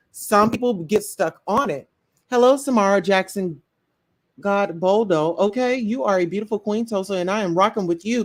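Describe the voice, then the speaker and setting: A woman hosts a livestream commentary show, speaking outspokenly and addressing her chat viewers directly. Her voice is medium-pitched and a little mellow.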